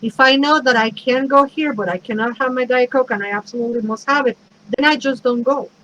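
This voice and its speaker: A woman's voice: sits high, brisk, fairly bright tone, slight background noise, rough recording. A woman priestess and minister giving a frank, conversational workshop talk, advising listeners with self-deprecating asides.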